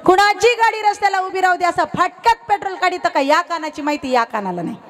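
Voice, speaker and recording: A woman's voice: very high voice, animated, quick pace, a bit bright, pitched above the performer's own voice. A woman preacher voicing a weepy elderly village grandmother, who repeats herself as she rambles. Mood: doting, boastful. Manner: rambling repetitive praise, simple village speech.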